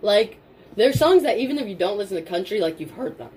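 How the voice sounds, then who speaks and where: Speaking fast at a medium pitch, a young woman co-hosts a podcast in informal, emphatic chat. She repeats things for emphasis and swears mildly, while steady background noise and room ambience run underneath.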